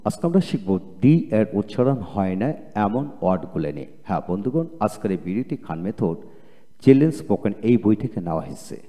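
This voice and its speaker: A male teacher giving a pronunciation lesson, spelling words letter by letter and repeating each one slowly. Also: lowish voice, big pitch swings, warm tone, big-room sound. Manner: slow, drawn-out repetition of each word. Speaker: English teacher.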